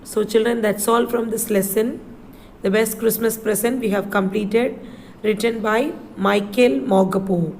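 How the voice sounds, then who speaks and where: A woman teacher reading a story line by line to children, spelling words letter by letter and repeating them slowly. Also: a little high, steady tone, a little mellow, slight background noise, rough recording.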